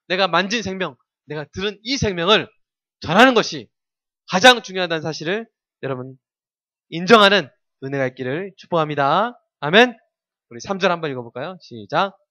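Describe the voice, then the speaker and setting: A man's voice: high voice, expressive, a little fast, pushed and bright, no room sound, dull audio. A male pastor preaching a sermon to young people, constantly putting questions to the congregation and prompting them to answer. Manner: keeps asking the congregation questions and leading call-and-response.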